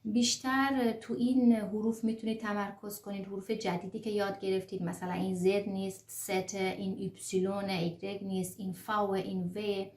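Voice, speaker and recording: Woman, language teacher, careful letter-by-letter delivery, middle pitch, echoey room. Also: little pitch movement, a little mellow. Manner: slow, careful letter-by-letter pronunciation with fillers. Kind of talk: online lesson on the German alphabet.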